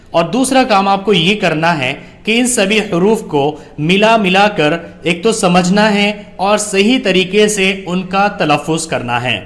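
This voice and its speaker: High-voiced man teaching slow spelling. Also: a bit bright. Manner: slow, deliberate letter-by-letter spelling. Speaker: Quran reading teacher. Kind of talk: spelling drill and explanation lesson.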